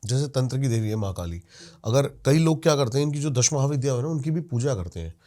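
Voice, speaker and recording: A man's voice: mid-range voice, animated, fast, warm tone. A man hosting a podcast, listening attentively and asking curious follow-up questions. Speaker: podcast host. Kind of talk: podcast interview.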